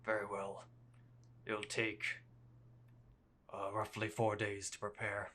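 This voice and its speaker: A measured, formal ally in a fantasy tabletop game, with a low voice and unhurried, halting delivery, as the game master puts him on. The voice stays close to an everyday one. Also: male voice, completely flat delivery, sharp tone, full character voice.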